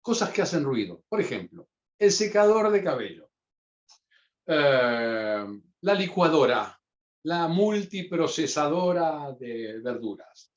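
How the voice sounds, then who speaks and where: A man, leading a teacher training discussion and explaining calmly with many examples. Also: a little high, slow pace. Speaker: course instructor. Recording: dull lo-fi sound.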